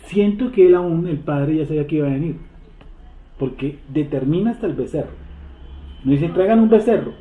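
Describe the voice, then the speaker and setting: A man's voice: fairly high pitch, lively intonation. Man teaching a Bible study group. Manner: asks the group questions, repeats verses slowly. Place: room with a seated group. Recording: echoey room over a tinny phone-like line.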